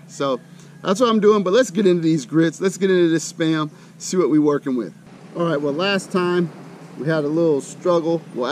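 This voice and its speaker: Outdoors, against a loud ambient rumble, a middle-aged American man who hosts an outdoor cooking channel shows how to cook at camp. He talks casually and folksily, thinking out loud as he goes.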